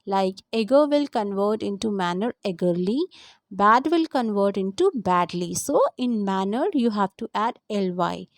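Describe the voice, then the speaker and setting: A woman's voice: medium pitch, lively intonation, dry recording, studio quality. A woman explaining a grammar lesson, going step by step and repeating her points. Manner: lists examples slowly one by one. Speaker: English teacher.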